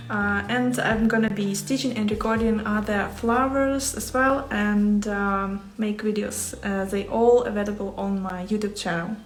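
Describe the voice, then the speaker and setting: In a roomy-sounding recording from her small home workspace, an embroidery artist from Ukraine hosts a livestream, her voice a little high and her Ukrainian accent clear. She chats casually yet hesitantly about her craft, searching for words.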